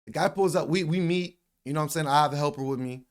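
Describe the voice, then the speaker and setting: A man's voice: on the high side, fast. A man in his late twenties, a vlogger telling a story in a loose, slangy way with lots of fillers and some swearing. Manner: animated retelling with voiced quotes. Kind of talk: casual storytelling.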